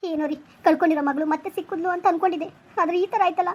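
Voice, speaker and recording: A woman's voice: extremely high pitch, steady tone, very fast, lo-fi sound. A woman playing an anxious mother frantically searching for her daughter in a family drama skit. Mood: distraught. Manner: anxious, loud, calling out.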